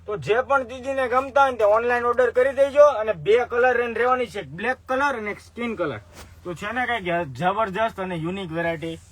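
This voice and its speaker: Guy selling clothes on a live stream, high voice, chatty pushy sales patter, repeats stuff. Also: brisk. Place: clothing shop.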